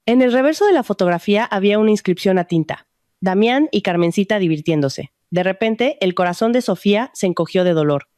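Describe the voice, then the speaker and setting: A woman narrating a dramatic story in a measured, even storytelling manner. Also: mid-range voice, no room sound, clean studio sound.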